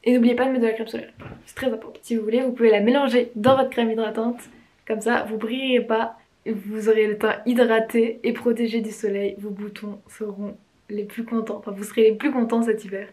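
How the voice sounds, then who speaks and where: A woman's voice: a little high, level tone, fairly quick, darkish tone. A young woman vlogger telling stories in a casual, rambling and informal way, as if chatting to friends. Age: young adult. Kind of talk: casual chatty vlog storytelling.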